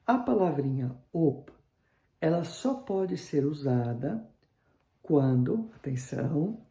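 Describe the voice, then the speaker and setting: A man teaching a grammar lesson online, checking in constantly with his viewers and slowing right down to spell out example sentences. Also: on the high side, mellow, reverberant. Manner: checks in with "tá?" after nearly every phrase, slows down for examples. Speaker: German teacher.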